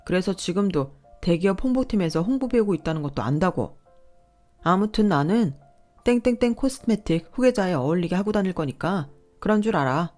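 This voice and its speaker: A woman's voice: lowish voice, lively intonation, a little fast, darkish tone, soft background music, natural voice. Woman voicing a whiny, entitled young husband. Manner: whiny, demanding, indignant.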